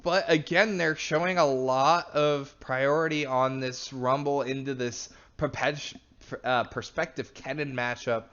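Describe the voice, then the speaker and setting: A man calls an esports draft in a chatty, analytical way. His mid-pitched voice comes through dull, lo-fi voice chat audio. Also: fairly even intonation, measured pace, a bit bright. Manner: chatty, analytical, laughs often. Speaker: esports caster. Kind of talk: play-by-play commentary.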